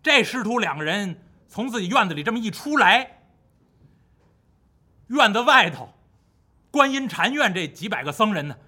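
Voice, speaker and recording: A man telling a classic tale in the traditional Chinese storytelling style, animated, dramatic and rhythmic. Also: sits high, moderate pace, pauses often, breathy edge.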